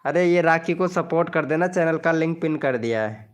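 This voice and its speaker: A man's voice: fairly high pitch, moderate pace. A man chatting casually on a livestream, greeting viewers by name and repeating his phrases as he reads out their comments. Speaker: live streamer greeting viewers.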